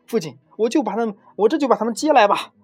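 A man's voice: high-pitched, expressive, a little fast, pitched above the performer's own voice. A man voicing an eager young prince, talking in a thrilled, breathless rush.

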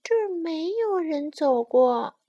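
A woman voicing a small, timid, sympathetic sparrow in a children's story, speaking softly and pleadingly. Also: very high-pitched, expressive, takes it slowly, muffled recording, pitched above the performer's own voice, full character voice.

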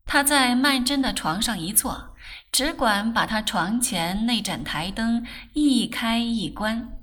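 A woman reads a novel aloud in a measured, unhurried way, her voice bright and clear. Her pitch moves expressively from phrase to phrase, and she never rushes a sentence. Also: expressive. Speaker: audiobook narrator. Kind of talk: novel reading.

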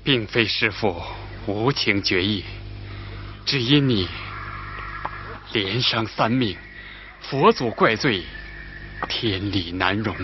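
Solemn, pious monk master; slow, lilting delivery, muffled old-TV sound with hiss. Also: male voice, fairly low pitch, lively intonation. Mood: stern, sorrowful. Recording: dull old TV drama soundtrack with noise.

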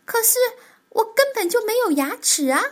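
A woman voicing a small, toothless animal friend who is eager and caring, speaking high and excitedly in a children's story. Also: moderate pace. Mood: surprised.

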